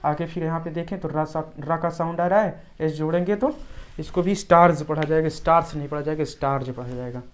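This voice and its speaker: A woman teaching English pronunciation in an explanatory lesson. She repeats example words over and over, drilling them slowly. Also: low-pitched, darkish tone.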